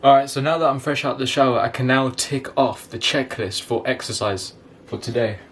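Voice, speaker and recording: A man's voice: medium pitch, fairly even intonation, moderate pace, a little hiss or hum. A young man vlogging from his bedroom at home, talking casually and rambling as he explains what he is doing. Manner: chatty, rambling, explains as he goes. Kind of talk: casual vlog.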